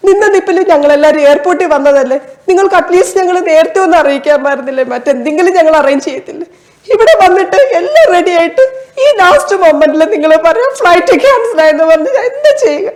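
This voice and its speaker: A woman's voice: a little high, animated, moderate pace, long pauses, mellow, lightly acted. A woman performing a one-person stage monologue as a desperate stranded traveler at an airport, pleading in a tearful, breaking voice. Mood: frantic, tearful.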